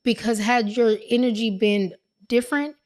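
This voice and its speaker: A woman co-hosting a podcast in a casual, heartfelt chat, animated and affirming. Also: fairly high pitch, normal speed. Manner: animated, affirming, drops into playful put-on voices. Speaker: podcast co-host.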